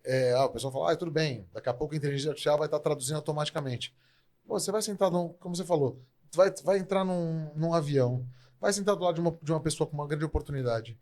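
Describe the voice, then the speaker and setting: A man's voice: a little high, very fast, darkish tone. A man from Brazil hosting an interview podcast, chatty and full of self-corrections as he talks. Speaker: podcast host.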